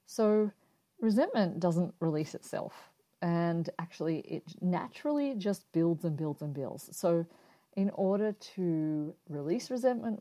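A woman giving calm, encouraging relationship advice, speaking straight to the listener in an instructional talk. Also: on the low side.

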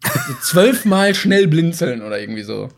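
Podcast guy, highish voice, casual banter, kinda halting, dry silly jokes. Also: sing-song. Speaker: podcast co-host. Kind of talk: casual comedic podcast chat.

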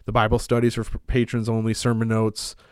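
A pastor hosts a casual theology podcast, his voice fairly low, darkish, clear and resonant, though congested from a cold. He talks briskly but with a completely flat delivery, rambling through frequent "uh" fillers and restarts. The studio-quality recording has no room sound.

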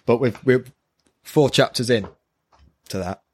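A man with an unhurried, slightly rough mid-range voice co-hosts a podcast as a first-time manga reader. In casual review chat, he offers his impressions hesitantly, searching for words, and a built-in microphone captures him.

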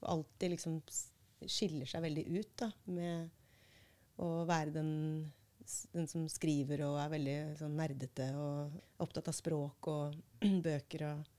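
Woman, low voice, mellow tone, measured reading and book talk. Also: steady tone. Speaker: book podcast host. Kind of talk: reading aloud and book discussion.

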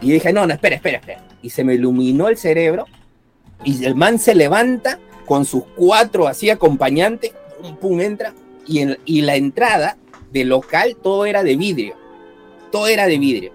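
A man tells a story in casual chat, cursing freely and acting out each voice. His voice sits high and swings widely in pitch. Faint music plays behind him. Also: moderate pace. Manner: animated, profane anecdote-telling, acts out voices. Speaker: guest telling a story.

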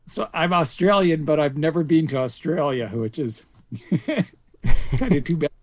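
A middle-aged man from Canada speaks as a podcast guest. His voice sits a little higher than most men's. He tells his story in an unhurried way, with frequent ums and small restarts. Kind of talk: casual interview.

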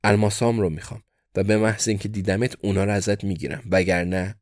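A man's voice: on the low side, flat delivery, darkish tone, dry recording, studio quality, lightly acted. A man voicing a young American crime-family heir who makes threats but sounds sheepish. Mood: blustering threat.

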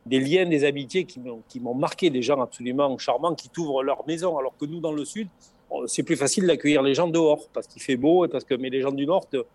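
A man's voice: mid-range voice, a little fast, darkish tone. A middle-aged man with a southern French accent, chatting as an interview guest, talking expansively with many restarts and repeated words. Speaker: guest, former race logistics organizer. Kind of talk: casual interview chat.

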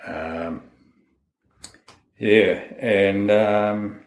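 A man with a broad New Zealand accent talks informally and bluntly, recalling things as they come. His voice is low, and the room adds noticeable echo around it. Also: fairly even intonation, very slow. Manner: plain-spoken, no-nonsense, mildly sweary. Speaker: interviewee, friend of the person discussed. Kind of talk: informal recollection in a sit-down interview. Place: indoors in a house. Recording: roomy, echoey home interview.

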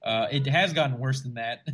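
A man's voice: mid-range voice, breathy edge. A man from the Rio Grande Valley in Texas, a stand-up comedian guest telling stories in a casual interview and acting out what people said. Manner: animated storyteller who acts out quoted voices.

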